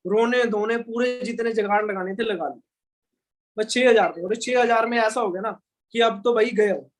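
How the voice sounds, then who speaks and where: A young man with a noticeably high voice speaks to a live audience at a business training session. He tells his story in a loose, colloquial way, full of back-and-forth retelling. He keeps checking in with his listeners through quick tag questions. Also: low-quality recording.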